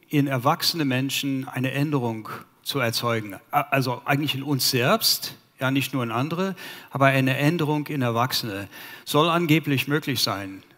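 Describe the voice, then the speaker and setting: Speaking German with an American accent, a conference presenter in his fifties from the United States, whose first language is English, halts often, using many fillers while searching for words. He has a mid-range, fairly bright voice, heard through a headset mic amid the long reverb of a large hall.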